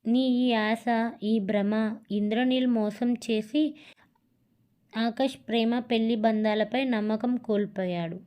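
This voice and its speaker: A woman reading the lines of an elderly father-in-law who questions gently and skeptically. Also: on the high side, steady tone, takes it slowly, smooth. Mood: gentle.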